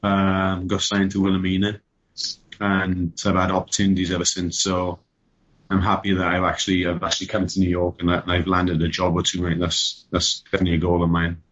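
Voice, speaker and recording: A man's voice: deep voice, completely flat delivery, a little fast, a bit bright, highs cut off. A young man with a Welsh accent chatting as a guest over a video call, laid-back and hesitant, with many fillers. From Wales. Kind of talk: casual chat.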